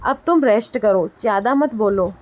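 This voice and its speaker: A woman reading the lines of a caring, protective young husband in a storybook tale, gentle with a light scolding edge. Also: mid-range voice, expressive, normal speed, soft background music, natural voice. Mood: tender.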